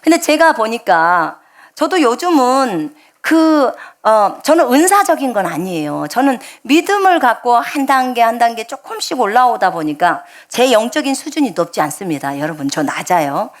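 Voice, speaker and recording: A woman's voice: a little high, moderate pace. A middle-aged woman preaching a sermon as a missionary, telling stories and acting out quoted dialogue. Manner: animated storytelling, acts out quoted dialogue. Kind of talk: sermon with storytelling.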